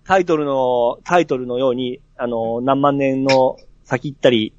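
A speaker in a casual chat, playful and quick with questions. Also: medium pitch, steady tone, darkish tone, lo-fi sound, slight background noise.

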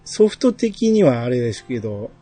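A man's voice: medium pitch, big pitch swings, normal speed, dark tone, breathy edge, soft background music. A man chatting casually as the host of a podcast. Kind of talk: casual chat.

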